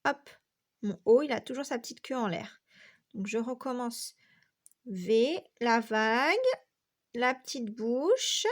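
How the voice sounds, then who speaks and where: A French woman who teaches primary school speaks a little high and a little slowly, with long pauses. She gives young children a patient, step-by-step handwriting lesson, counting each stroke out loud.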